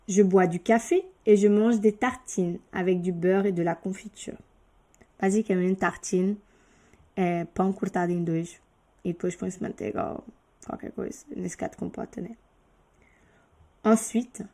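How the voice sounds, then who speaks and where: A woman with a mellow, warm voice reads a short beginner text for language learners. She takes each word carefully and articulates it clearly, stopping now and then for a quick explanation, like a teacher guiding a class. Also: medium pitch. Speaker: French teacher. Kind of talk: reading a beginner lesson text aloud, with asides.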